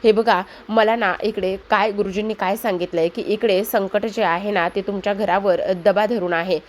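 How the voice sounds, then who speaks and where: A woman's voice: medium pitch, fairly even intonation, moderate pace, slight background noise, close to an everyday voice. Fretful mother-in-law, read out by a woman, worried and pleading, plain everyday voice. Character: anxious middle-aged mother-in-law, fretful.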